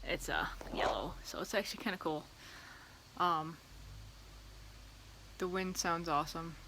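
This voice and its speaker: Outdoors in a yard beside a loud street, a woman vlogger with a fairly low voice rambles unhurriedly as if to a camera, easily distracted and drifting from one aside to the next. Passing vehicles and outdoor ambience sound faintly around her.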